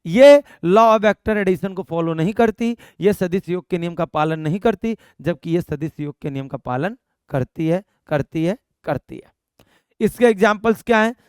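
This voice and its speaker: Young man, physics lecture, animated, repeats himself, dry close mic. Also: high voice, normal speed, smooth, no echo. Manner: animated, repeats points, asks and answers his own questions. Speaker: physics teacher. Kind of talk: classroom lecture.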